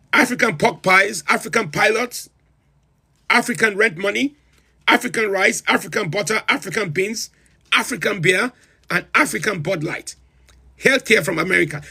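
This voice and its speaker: This is a comedic in-character livestream rant by a man posing as the pompous self-styled president of a comic republic, theatrically incredulous as he rattles off long lists with building emphasis. His character voice sits high and is pushed, bright, and husky, with vocal fry at a moderate pace.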